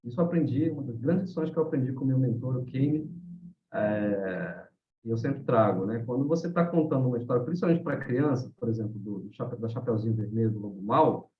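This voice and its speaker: A man with a Brazilian Portuguese accent, teaching about haka in a live online talk, animated and storytelling, often ending phrases with a questioning tag. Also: mid-range voice, a little fast. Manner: animated storyteller, many "né?" tags. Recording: roomy, dull lo-fi sound.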